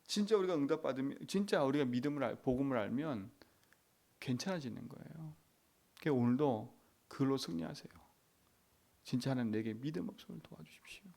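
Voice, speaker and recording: A man's voice: medium pitch, vocal fry, a little mellow. A middle-aged male pastor preaching at a dawn prayer service, emphatic, with rhetorical tag questions and whispered prayers.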